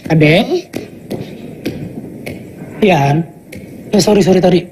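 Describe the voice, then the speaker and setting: An actor playing a loving, flustered stay-at-home father who coaxes his small daughter tenderly and pleads with her loudly. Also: high voice, takes it slowly, a crowd in the background. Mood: defensive. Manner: coaxing, tender, rising to loud pleading.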